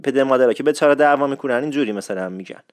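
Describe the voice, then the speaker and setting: A man's voice: mid-range voice, no room sound. A man with an Isfahani Persian accent, hosting a casual, playful talk show. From Isfahan, Iran. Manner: playful, chatty, teasing. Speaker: host. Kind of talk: casual explanatory monologue.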